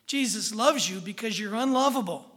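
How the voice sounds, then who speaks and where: A preacher at a moderate, middling pitch delivers a Bible lesson in an informal, folksy manner. The talk is conversational rather than grand, full of check-ins that seek the listeners' agreement. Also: expressive, moderate pace, a bit bright. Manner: informal, folksy, often asks the listeners for assent. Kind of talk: conversational Bible-teaching sermon.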